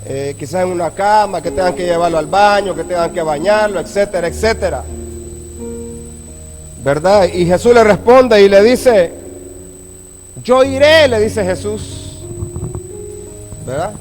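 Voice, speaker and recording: A man's voice: high-pitched, measured pace, pauses often, a little mellow, soft background music. A man preaching a sermon to a congregation, reading scripture and checking in with the listeners between phrases. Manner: preaching with frequent "¿verdad?" asides to the congregation. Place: church.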